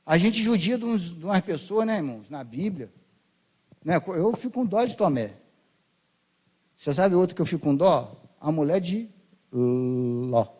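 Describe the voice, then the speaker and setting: Male Brazilian pastor, high-pitched, conversational sermon in church, plays scenes out. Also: big pitch swings, normal speed, pauses often, darkish tone, slightly rough. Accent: Brazilian Portuguese. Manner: conversational, acts out voices of biblical figures.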